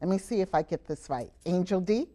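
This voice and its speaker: At a college venue, taped live with an audience, a woman hosts a TV show with children and coaxes them along with questions in an emphatic, teacherly manner. Her lowish voice is mellow, with lively intonation and a slightly fast pace.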